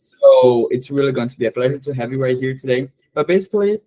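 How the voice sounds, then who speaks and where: A man's voice: mid-range voice, lively intonation, fast, dark tone, no room sound, low-quality recording. A man whose first language is Portuguese, hosting and moderating an online class on a video call, polite and formal with many fillers. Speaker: community manager and moderator.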